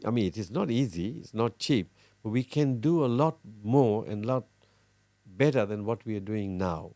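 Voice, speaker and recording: A middle-aged man from Fiji, a cardiologist, talking earnestly in an interview with many pauses and restarts. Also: medium pitch, mellow, no room sound. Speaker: cardiologist guest. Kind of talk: casual interview talk.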